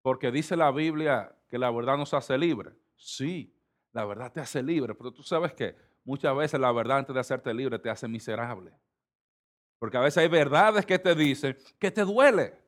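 A man's voice: mid-range voice, lively intonation, normal speed. Emphatic preacher, a man. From Dominican Republic. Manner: emphatic preaching, swings from loud to soft. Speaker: pastor. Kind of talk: sermon.

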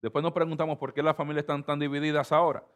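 A middle-aged man from the Republic, preaching a sermon with emphatic swings between loud and soft delivery. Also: on the high side, flat delivery, racing. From Dominican Republic. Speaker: pastor.

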